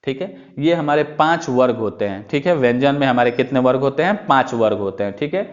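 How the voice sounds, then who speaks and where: A man's voice: medium pitch, lively intonation, a little fast. Man teaching, dull lo-fi sound. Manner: repetitive, asks questions then answers them. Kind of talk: classroom-style explanation.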